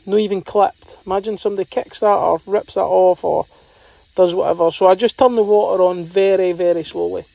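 A man's voice: high voice, creaky, mellow, dry recording. A man with a Scottish accent, a plumber narrating his video in a chatty, colloquial and self-deprecating way.

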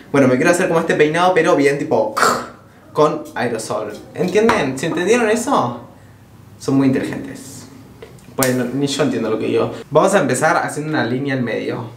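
A man's voice: fairly high pitch, animated, fairly quick. A nineteen-year-old man with an Argentine Rioplatense accent, chatting casually and teasingly in his vlog. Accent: Argentine Rioplatense Spanish. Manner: joking, teasing, camp. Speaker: vlogger. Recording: roomy sound with faint noise.

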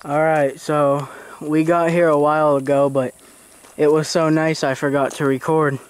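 A young man filming a casual tour of a rented farmhouse, talking in a relaxed, plain, slightly halting way. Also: a little high, clear, resonant tone. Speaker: family member filming a house tour. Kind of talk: casual handheld house tour. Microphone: handheld camera.

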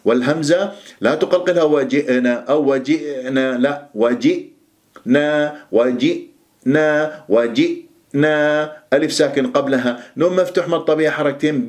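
A middle-aged man teaching Quran recitation rules, explaining quickly and then reciting words slowly as models. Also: fairly high pitch, darkish tone. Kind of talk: tajweed pronunciation lesson.

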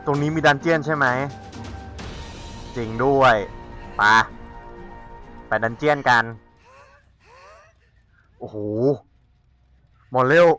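A man playing a horror game and commenting as he goes, chatty and excitable, teasing the players he hunts. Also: mid-range voice, takes it slowly, pauses often, faint music behind. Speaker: gamer. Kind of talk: let's-play commentary.

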